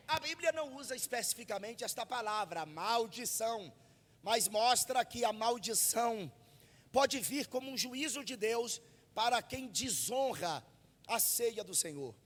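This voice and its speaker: A Brazilian man preaching a fervent Pentecostal sermon into a handheld mic at a church service, shouting and repeating phrases for the congregation. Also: very high voice, big-room sound. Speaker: pastor. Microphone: handheld microphone.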